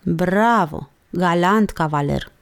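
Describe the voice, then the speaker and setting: A woman reading an audiobook, voicing a courteous old gentleman in a raised voice. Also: fairly low pitch, creaky, smooth. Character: polite old gentleman on a train.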